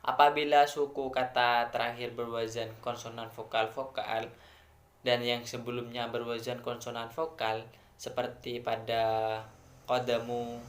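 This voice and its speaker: A man's voice: medium pitch, level tone, fairly bright tone, reverberant. A man with an Indonesian accent giving an academic presentation as a student, explaining step by step with frequent hesitations. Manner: measured, explains step by step with many fillers.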